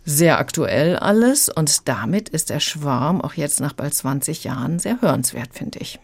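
A woman's voice: deep voice, expressive, measured pace, gravelly. A woman reviewing a children's book on the radio, explaining thoughtfully. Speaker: book critic.

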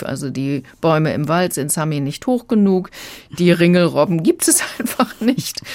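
A woman reviewing a children's audiobook on the radio in a relaxed, explaining way. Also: sits low, no room sound. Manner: relaxed, explaining, occasional laughs. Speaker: book critic.

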